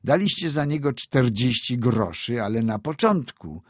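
A man's voice: medium pitch, lively intonation, unhurried, dry recording, studio quality, voice pushed up. A man voicing a stern, mercenary village teacher in a read-aloud story. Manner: lecturing, curt.

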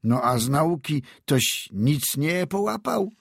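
A man's voice: fairly high pitch, very animated, slow pace, vocal fry, breathy edge, no room sound, studio quality, pitched above the performer's own voice, full character voice. A man voicing an older village neighbour questioning a boy in a read-aloud story. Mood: probing. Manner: questioning, scolding.

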